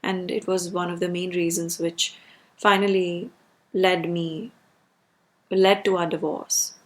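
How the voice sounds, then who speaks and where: A woman's voice: on the low side, little pitch movement, takes it slowly. A woman delivering a personal rant as a video creator, speaking emphatically and repeating words for stress.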